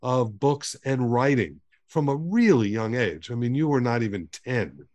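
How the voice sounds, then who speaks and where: A man's voice: mid-range voice, animated, unhurried, darkish tone, no echo. A man hosting a podcast interview, eagerly framing questions and summing up the guest's book. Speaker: podcast host.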